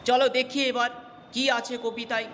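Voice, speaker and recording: A man's voice: very high voice, flat delivery, normal speed, a bit bright. A man, teaching a poetry lesson and often stopping to check that students follow. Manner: explanatory, checks understanding with repeated questions. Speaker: English teacher. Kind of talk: classroom lecture on poetry. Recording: reverberant room with faint ambient noise.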